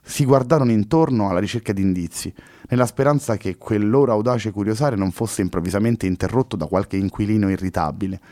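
Low-voiced male storybook narrator. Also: brisk, mellow. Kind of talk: audiobook story reading.

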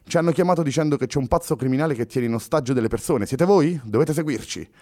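A man voicing a brisk, suspicious male police officer in a read-aloud novel, with a commanding, questioning manner. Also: mid-range voice, dark tone, no echo, clean studio sound, pitched above the performer's own voice, lightly acted. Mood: stern.

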